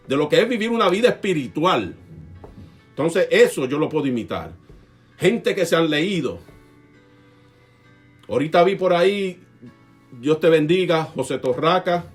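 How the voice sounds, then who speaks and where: A man preaching a sermon emphatically, swinging between loud and soft and asking the congregation questions. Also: fairly high pitch. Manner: asks the congregation rhetorical questions.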